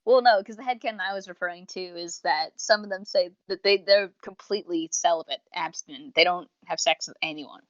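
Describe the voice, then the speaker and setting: Speaking a little fast with hardly any pauses, a young woman with a voice on the low side co-hosts and reviews on a casual fan podcast. She's talkative and rambling, animating her retellings with acted-out quotes, all captured on a dry, dull lo-fi recording.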